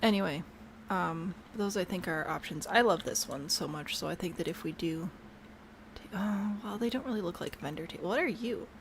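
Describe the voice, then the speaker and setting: A woman's voice: fairly low pitch, moderate pace, creaky, slight background noise. A woman chatting casually to herself while she builds in a video game, bubbly and prone to trailing off mid-thought. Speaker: game streamer.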